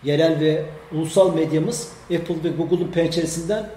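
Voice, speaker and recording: A man's voice: a little high, fairly even intonation, moderate pace, dark tone, a little hiss or hum. A man hosting a casual tech news chat, conversational and leading the talk. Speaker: host. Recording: echoey room.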